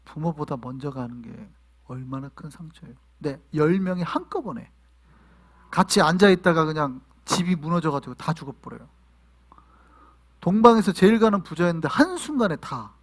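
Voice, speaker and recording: A male pastor preaching a sermon to his congregation, asking them questions and sometimes shouting. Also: on the high side, animated, normal speed. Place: church in New York.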